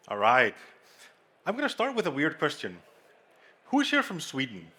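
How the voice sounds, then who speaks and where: A bright, forceful, slightly rough voice on the high side belongs to an Icelandic man speaking with an Icelandic accent. He is on a conference hall stage, giving a playful talk full of jokes and banter with the live audience.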